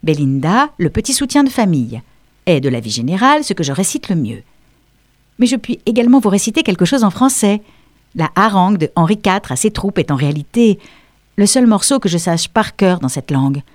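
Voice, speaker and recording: A self-assured, mischievous English schoolgirl, voiced by a woman reader, who explains herself in prim, well-turned phrases. The delivery is lively and full of melody. The recording is dry and close. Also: medium pitch, brisk, no echo. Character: precocious, cheeky English schoolgirl. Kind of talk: audiobook reading.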